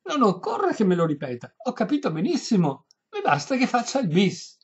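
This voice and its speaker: A man voicing a deaf old noblewoman, in a high, quavering falsetto. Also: huge pitch swings, moderate pace, breathy edge, exaggerated voice. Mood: chatty. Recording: dull lo-fi recording.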